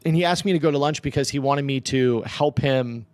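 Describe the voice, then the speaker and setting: A man's voice: mid-range voice, fairly quick, no room sound. A man co-hosting a casual business podcast, talking loosely with restarts and laughs. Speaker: podcast co-host.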